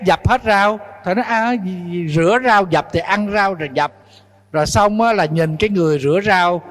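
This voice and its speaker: A man's voice: high-pitched, fairly bright tone, long reverb tail. A male Buddhist monk giving a dharma talk to young followers, scolding and urging them on with rhetorical questions.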